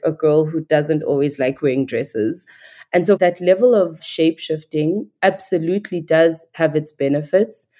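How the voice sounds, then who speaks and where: A Nigerian woman with a low, warm voice appears as a podcast guest in a reflective conversational interview. She speaks thoughtfully, articulately, and earnestly.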